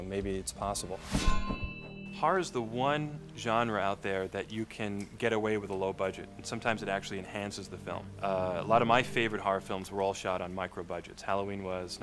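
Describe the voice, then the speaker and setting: A low-pitched man gives a behind-the-scenes interview as a film director. He explains things reflectively, and music plays clearly behind his voice.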